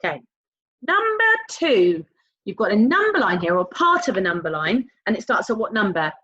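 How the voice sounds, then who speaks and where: Here a female teacher guides young children through a maths lesson, her sing-song, encouraging delivery drawing out important words and nudging them with questions. She has a medium pitch that swings widely, with a sharp, husky tone. The recording is lo-fi and dull.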